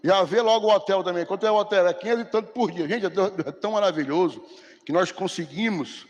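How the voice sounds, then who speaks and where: High-voiced preacher in an echoing church. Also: male voice, fast talker, highs cut off. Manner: animated, conversational preaching with acted-out dialogues. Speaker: pastor. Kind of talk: sermon. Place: church hall. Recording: reverberant church hall.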